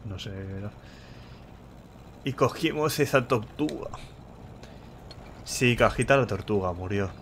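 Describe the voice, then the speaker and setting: A man from voicing a bitter, sharp-tongued young female crocodile in a curt, scornful tone. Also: fairly low pitch, expressive, slow pace, long pauses, slight background noise, full character voice. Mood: flat.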